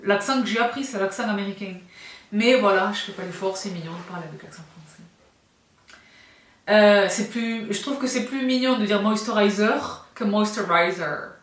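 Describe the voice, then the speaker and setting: A woman's voice: mid-range voice, fairly quick, reverberant, far from the mic. A woman beauty vlogger chatting casually and effusively while reviewing skincare products, laughing often.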